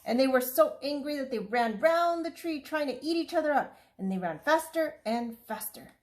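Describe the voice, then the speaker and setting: A woman reading a children's storybook aloud with expressive, lively storytelling. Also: sits high, normal speed.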